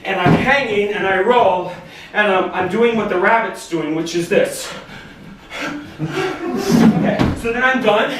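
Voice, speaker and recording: A man performing a live storytelling set, animated and profane, at times shouting. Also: high-pitched, moderate pace. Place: stage at a storytelling concert. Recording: echoey room, distant mic, audible noise.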